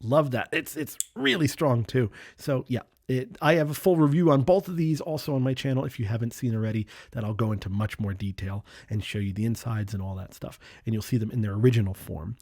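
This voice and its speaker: A man's voice: mid-range voice, brisk, hardly any pauses, a little mellow, dry recording. Chatty man reviewing pens, dry close sound. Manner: enthusiastic, repeats words and restarts often. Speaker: channel host reviewing pens. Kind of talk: casual product review.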